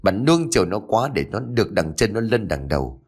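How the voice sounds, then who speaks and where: A man's voice: fairly low pitch, sing-song, a little fast, husky, full character voice. A man voicing a stern, angry older stepfather who bellows and scolds. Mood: bitter.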